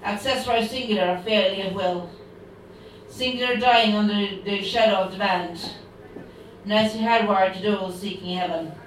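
A woman reciting her own poem in a steady, declamatory way. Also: mid-range voice, normal speed, slight background noise. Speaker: poet reading her work. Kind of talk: poetry reading. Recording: distant, very echoey room.

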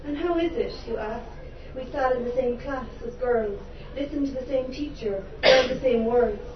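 With a crowd in the background, an Irish woman performs her spoken word poetry on stage, theatrical and impassioned, slipping in wry jokes. She speaks at a moderate pace in a voice on the high side. The sound is that of a dull, distant, roomy live recording with background noise.

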